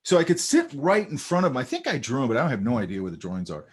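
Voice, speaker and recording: A man teaching a sketching class in a relaxed, chatty way, telling stories while he points out details in drawings. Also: medium pitch, racing, breathy edge. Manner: animated, storytelling, talks over drawings. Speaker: art instructor. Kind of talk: casual teaching chat.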